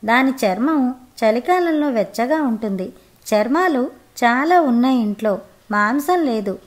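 A woman's voice: fairly high pitch, lively intonation, a little slow. Naive male forest hunter in an audio storybook, read by a woman narrator, simple and guileless. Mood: innocent.

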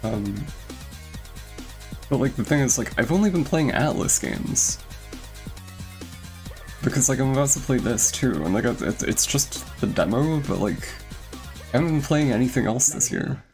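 A man's voice: mid-range voice, lively intonation, normal speed, pauses often, darkish tone. A young man streaming a game, chatting casually in a rambling way full of fillers and restarts, a little out of breath. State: slightly out of breath. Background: game music.

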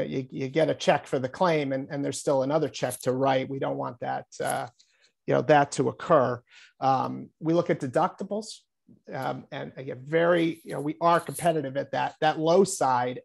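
A man's voice: a little high, gravelly. A middle-aged man, an insurance executive, speaking earnestly on a panel video call through earbuds from a small office, with many restarts.

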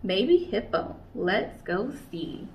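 This young woman from the United States, a children's librarian, reads a picture book to kids in a playful, sing-song way in a small indoor space. Her mid-range voice is very animated, slow, creaky and a little mellow, and the audio is slightly distant and dull with a faint hiss.

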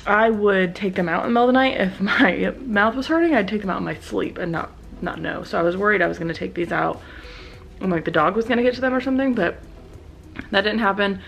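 A young woman talks casually to a camera propped up in her bedroom. She is chatty and fills her talk with ums and likes. A slight lisp softens her S and SH sounds. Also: mid-range voice, fast, gravelly, slight background noise. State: slight lisp from new aligners. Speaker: vlogger. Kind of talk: casual vlog talking to camera. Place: bedroom at home. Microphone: camera set down in front of her.

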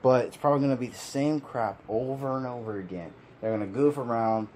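A video commentator with a mid-range, darkish voice speaks a little fast, and there's a faint hiss or hum. His opinion rant is frustrated and exasperated, punctuated by sighs, laughs, and repetition.

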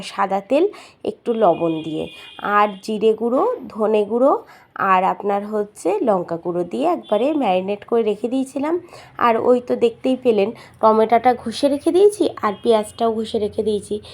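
A middle-aged woman, slightly hoarse from a cold, chatting to viewers as friends while she cooks at home, recorded on a mobile phone. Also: a little high, darkish tone. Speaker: home cooking vlogger. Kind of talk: casual cooking demonstration. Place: home kitchen.

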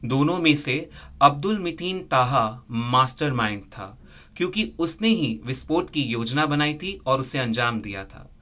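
A man reading a scripted news report as a voice-over, in a steady, measured way. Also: medium pitch.

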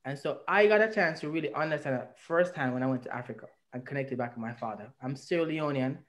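Speaking fast in a mid-range voice, a Jamaican-accented man recounts his story at length as an interview guest. He joins by video call webcam from a room at home, earnest and reflective, his emphasis rising as he goes.

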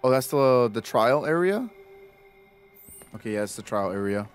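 A man commenting on a video game playthrough with loud, joking reactions. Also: medium pitch, expressive, normal speed, clear, resonant tone, faint music behind. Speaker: game streamer. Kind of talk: let's-play commentary.

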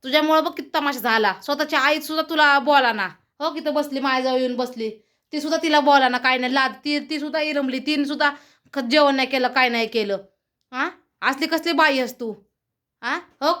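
A woman's voice: high-pitched, brisk, fairly bright tone. A woman vlogger scolding and complaining bitterly during a family quarrel, repeating herself.

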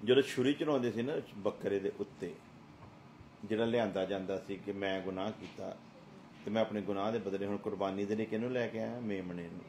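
A man's voice: fairly low pitch, steady tone, a little fast, darkish tone, a little hiss or hum. A middle-aged man preaching a sermon as a pastor, emphatic and full of rhetorical questions.

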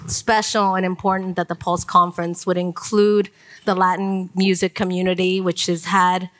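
A woman's voice: fairly low pitch, little pitch movement, moderate pace. Woman moderating a conference panel. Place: conference stage before an audience.

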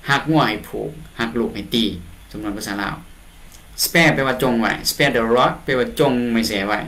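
A man's voice: medium pitch, fairly bright tone. A man with a Lao accent teaching a class, translating an English storybook line by line with patient explanations. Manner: explains slowly, reads English lines aloud and repeats words.

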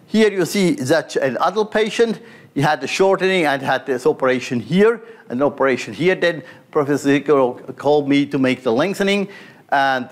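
A man, a surgeon, giving a conference lecture over slides, walking through each point with non-native phrasing and frequent fillers. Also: mid-range voice. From Switzerland. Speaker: pediatric orthopaedic surgeon lecturing.

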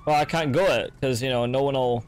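A man's voice: mid-range voice, a little fast. A man chatting casually during a roleplay game in a brash, combative, foul-mouthed way. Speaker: livestreamer playing roleplay game. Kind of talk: casual gaming chat in improvised roleplay.

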